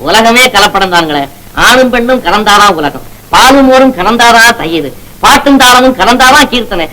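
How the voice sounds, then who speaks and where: A man's voice: very high-pitched, animated, normal speed, pushed and bright, full character voice, poor audio. An actor playing a bumbling, talkative male shop worker who rambles and pleads under police questioning, in old film comedy style. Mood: joking. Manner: rambling, evasive and pleading, comic patter. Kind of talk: 1950s film comedy acting.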